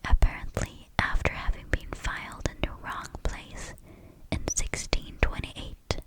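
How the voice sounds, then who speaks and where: A woman whispers an ASMR reading of a history text in a measured way, close into the listener's left and right ears. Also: low-quality recording. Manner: slow, measured scripted reading. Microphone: close-up stereo microphone.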